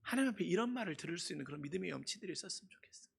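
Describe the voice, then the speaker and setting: A male pastor preaching a sermon earnestly, stressing points with slow, repeated phrases. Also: sits high, lively intonation, creaky, slightly rough.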